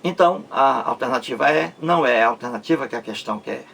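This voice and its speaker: Teaching grammar in a video lesson, a man speaks in a medium-pitched, gravelly voice with a fairly bright tone, against slight background noise. His delivery is slow, drawing words out one syllable at a time, with frequent rhetorical questions about whether everyone understood.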